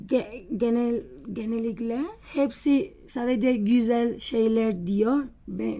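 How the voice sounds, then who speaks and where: A young woman with a Spanish accent gives an interview in a high, mellow voice. She speaks slowly in broken, halting foreigner's phrases, often correcting her own word endings as a non-native speaker. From Spain, Valencia. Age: 20s. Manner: halting, broken foreigner's Turkish with grammar slips and self-corrections. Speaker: interview guest. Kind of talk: personal interview.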